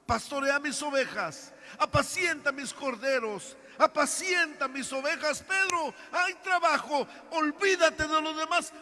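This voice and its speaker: A pastor voicing Jesus, rousing and insistent. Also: male voice, extremely high pitch, measured pace, few pauses, bright, forceful tone, long reverb tail, voice pushed up, heavily acted. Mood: urging. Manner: pleading, then rousing and insistent. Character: Jesus, a gentle man urging a disciple.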